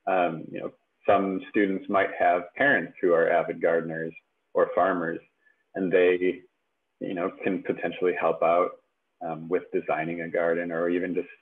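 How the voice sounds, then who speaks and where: A man presenting in a casual webinar from home with a headset, relaxed and chatty with many fillers. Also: low-pitched, normal speed. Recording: tinny phone-like webinar audio.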